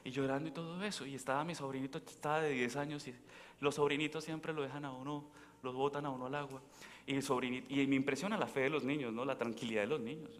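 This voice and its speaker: A man's voice: medium pitch, fairly even intonation, fast talker. A man, a priest, giving a sermon in a conversational way, telling stories and asking the congregation questions. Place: large church. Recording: long church reverb.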